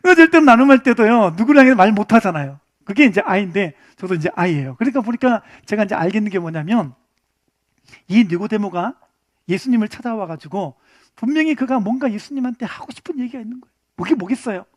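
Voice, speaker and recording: A man teaching a church Bible study class in an animated way, often putting questions to his listeners. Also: high-pitched, fast talker, no echo, clean studio sound. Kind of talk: interactive Bible lesson.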